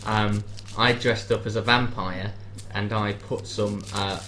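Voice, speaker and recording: A British man co-hosting a casual podcast, joking and cheeky in a fast, chatty way. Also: on the low side, fairly even intonation, sharp tone, slight background noise. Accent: British English. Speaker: podcast co-host. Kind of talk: casual chat.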